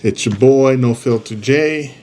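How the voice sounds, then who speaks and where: A man's voice: medium pitch, a little slow, heavy background noise. A man hosting a casual podcast, easygoing and laughing often while reacting to videos with his co-host.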